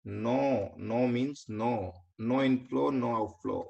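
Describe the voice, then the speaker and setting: A medium-pitched, creaky, somewhat mellow male voice with an Indian accent and fairly even intonation leads an online finance lecture. He explains each step in order, quizzes students briefly, and works English terms into his speech. The recording sounds slightly dull and lo-fi.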